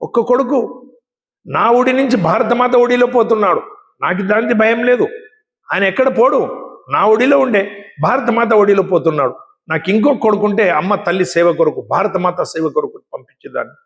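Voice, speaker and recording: A man voicing a grieving yet proud mother of a condemned son, speaking with a raised, emphatic pitch. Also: expressive, normal speed, a bit bright. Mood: defiant, proud. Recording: echoey hall.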